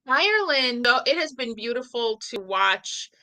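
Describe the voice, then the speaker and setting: A woman from the Northeastern US hosting a podcast, talking in an animated, blunt way and swearing casually. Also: fairly high pitch, measured pace, rough recording. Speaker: podcast host. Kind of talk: casual conversation.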